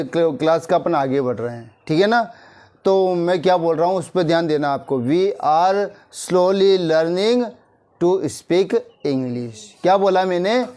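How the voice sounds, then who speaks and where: A man teaching a class, saying English sentences slowly and repeating them before explaining. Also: sits high, a little mellow. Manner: slow, repeats English phrases then explains in Hindi.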